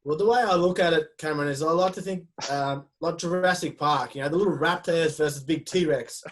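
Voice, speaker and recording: A man's voice: on the high side, fairly quick, slight background noise. Playful Australian man joking with guests. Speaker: podcast co-host, former footballer. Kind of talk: casual podcast chat.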